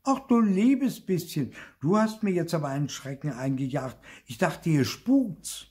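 An older man reading aloud, voicing an excitable, insistent little girl in a storybook. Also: a little slow. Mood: wondering. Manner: shrill, wide-eyed and insistent.

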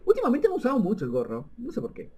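A man's voice: very high voice, huge pitch swings, rapid-fire, a little mellow, husky. A young man giving casual, jokey gameplay commentary. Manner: jokey, rambling asides.

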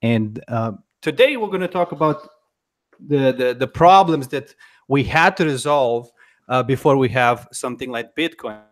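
A man in his thirties hosting a live interview, speaking haltingly with many pauses and restarts, into a studio microphone at home. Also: mid-range voice, lively intonation. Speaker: interviewer host. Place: home room. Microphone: headphones and studio mic on a boom.

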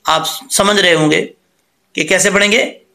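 A middle-aged man teaching Quran recitation, patiently explaining tajweed pronunciation step by step and often pausing to check in with his listeners. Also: high-pitched, fairly even intonation, vocal fry, pushed and bright. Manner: repeats and corrects points as he goes.

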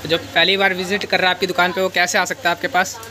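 High-pitched, fast male interviewer. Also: little pitch movement, a crowd in the background. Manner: inquisitive, echoes the answers back. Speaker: video host interviewing a shopkeeper. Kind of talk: casual on-location interview. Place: small indoor shop. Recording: clear ambient noise of a shop.

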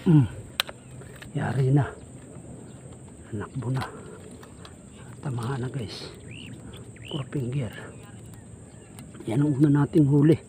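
A Filipino man vlogging while hunting fish alone from a boat, murmuring quietly as he stalks and speaking up when he moves spots. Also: mid-range voice, slow, long pauses. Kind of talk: casual vlog commentary. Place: outdoors on a boat on a weedy lake. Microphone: action camera. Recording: outdoor ambience noise, wind.

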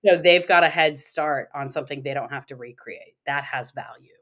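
A woman's voice: deep voice, moderate pace, a bit bright. A woman guest on a podcast, an accountant and financial coach, explaining money matters steadily and building her points in lists. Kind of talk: podcast interview conversation.

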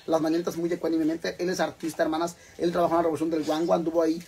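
Rowdy, gravelly high-voiced Mexican man. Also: monotone, rapid-fire, a little mellow, slight background noise. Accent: Mexican Spanish. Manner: rowdy, swears freely, calls viewers "hermanas". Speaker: vlogger cooking live for viewers. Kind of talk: casual live-stream chat.

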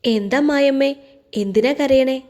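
A woman's voice: a little high, moderate pace, warm tone, close to an everyday voice. A woman voicing a caring young woman who asks anxious, concerned questions, within a storybook narration. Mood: worried.

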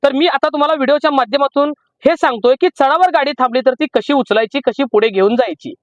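A man with a Marathi accent teaching driving from inside a parked car, explaining slowly and repeating each step. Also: very high voice, no room sound, lo-fi sound. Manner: repetitive, slow emphatic teaching. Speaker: driving instructor. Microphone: camera in the car.

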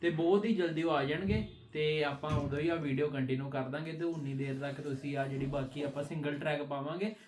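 A man's voice: a little high, fairly even intonation, a little fast, few pauses, darkish tone. A man, the channel's creator, casually explaining a delay to viewers in a friendly way. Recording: echoey room with faint noise.

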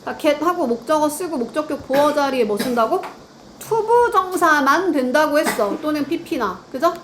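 A woman's voice: high-pitched, lively intonation, moderate pace, noisy background. A woman teaching grammar in a lecture, quizzing her students and answering her own questions.

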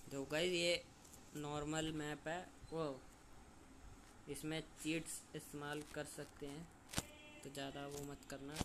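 A young man streaming a game and chatting loudly with friends on a call, joking and complaining as he plays. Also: a little high, slight background noise. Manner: loud, joking banter with friends. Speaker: gaming streamer.

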